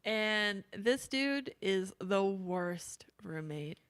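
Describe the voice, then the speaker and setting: A woman co-hosting a true-crime podcast, talking loosely with plenty of "um" and "uh". Her voice sits in an ordinary middle pitch. She slips into short quoted lines as she tells the story. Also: expressive, very slow, clean tone. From not from England. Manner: conversational, many fillers and quoted asides. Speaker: podcast co-host. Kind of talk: casual true-crime chat.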